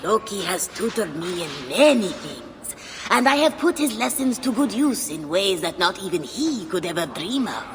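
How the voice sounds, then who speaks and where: In a game cutscene, an actress with a mid-range, very animated voice plays a sly, teasing, scheming female merchant imp, speaking at normal speed with light, theatrical, insinuating playfulness. The recording has long hall reverb and clear background noise.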